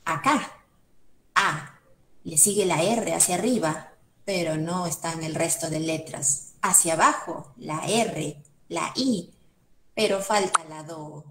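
A woman's voice: fairly low pitch, slow pace, fairly bright tone, roomy sound, slight background noise. A woman with a Peruvian Spanish accent, a museum educator guiding children through a word search in an online class, thinking aloud step by step. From Peru.

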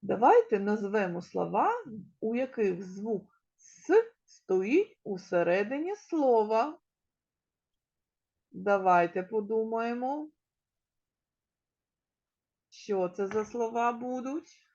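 Slow, lively-voiced woman teaching young children. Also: a little high, dull audio. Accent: Ukrainian. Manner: slow, clearly articulated, stretches key words; addresses children directly and asks them questions. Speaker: kindergarten teacher. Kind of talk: recorded preschool literacy lesson.

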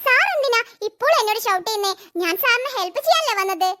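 In a fast, expressive, full character voice that's bright and forceful, the actor plays a scheming, envious young office worker from a cartoon. Her mood is pleading: sugary toward the boss, muttering plots under her breath.

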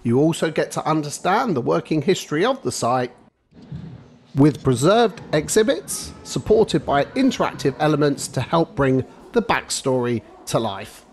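A middle-aged man narrating a travel vlog voice-over, measured and guide-like, giving practical tips. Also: on the high side, darkish tone, slight background noise. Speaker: travel vlogger.

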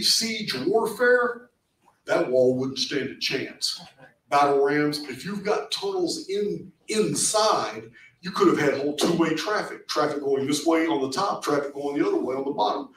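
Middle-aged guy giving an excited talk in a meeting room, kinda high voice, echoey and far from the cam, trips over his words a lot. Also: moderate pace, slight background noise. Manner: animated, repeats words, many restarts. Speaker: presenter at a meetup. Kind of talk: casual lecture to a small audience. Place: meeting room with projector screen. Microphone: far camera at back of room.

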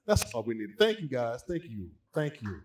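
With a mid-range, sing-song voice at normal speed, a male pastor leads a church brunch, calling families up to share their gifts of love in a warm, encouraging way. There is a little hiss or hum in the recording.

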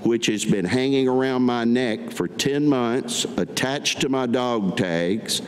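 Standing at a podium in an indoor meeting room, a veteran reads his own poetry aloud in a staged reading. The older man's medium-pitched voice is deliberate, with pauses between short phrases. A podium gooseneck mic picks him up in an echoey hall with noticeable room noise.

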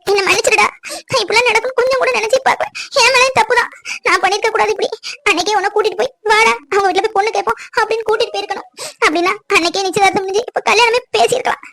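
A woman's voice: extremely high pitch, steady tone, rapid-fire, creaky, pushed and bright, pitched above the performer's own voice, heavily acted. A woman voicing a grieving mother who cries and blames herself for her son's fate. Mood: tearful, grieving. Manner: sobbing, self-blaming lament. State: crying. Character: grieving mother of a young man.

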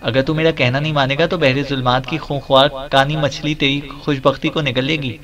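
A man voicing a domineering, wisecracking male detective who issues threats in a mid-pitched voice. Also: flat delivery, brisk, lo-fi sound, crowd noise, close to an everyday voice. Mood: bossy. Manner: bossy, threatening.

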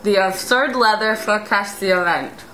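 A woman's voice: medium pitch, normal speed, fairly bright tone. A woman in her twenties reading phrases with her lips stretched wide by a mouth guard, so her words come out slurred. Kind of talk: casual challenge video, reading nonsense phrases. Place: small indoor room at a table. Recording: echoey home room, faint noise.

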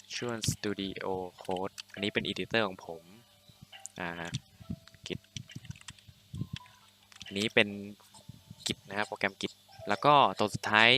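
A young man talks through a coding tutorial in a loose, chatty way, full of fillers and little corrections. His voice sits low but comes across bright and forceful. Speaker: programming tutorial host. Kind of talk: casual screen-recorded coding tutorial.

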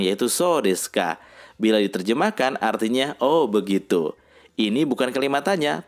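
A man narrating a scripted language lesson, reading sample sentences slowly and deliberately. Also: medium pitch. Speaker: language teacher.

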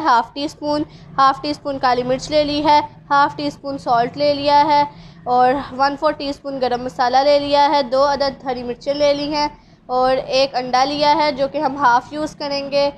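A woman with a Pakistani Urdu accent hosting a cooking channel, narrating a recipe step by step in a calm, instructive way and addressing viewers directly. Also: high voice, slight background noise. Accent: Urdu-speaking Pakistani. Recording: dull lo-fi sound, faint room ambience.

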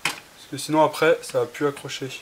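A tutorial presenter with a fairly high, steady, brisk male voice walks through a casual how-to while working with his hands. He narrates every step, full of fillers and restarts, on home camera audio with faint hiss.

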